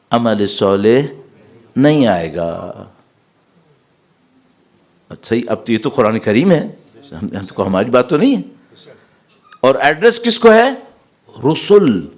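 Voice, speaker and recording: A man giving a sermon as a cleric, explaining verses and asking his listeners rhetorical questions. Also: medium pitch. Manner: lively, rising sharply when reciting Arabic verses; asks the audience rhetorical questions. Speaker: Shia cleric.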